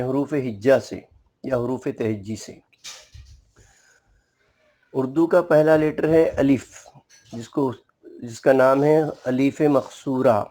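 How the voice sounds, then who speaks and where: Slow, patient male language teacher. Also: mid-range voice, darkish tone. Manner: formal, courteous, explains each letter patiently. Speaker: Urdu teacher. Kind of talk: slow spoken language lesson.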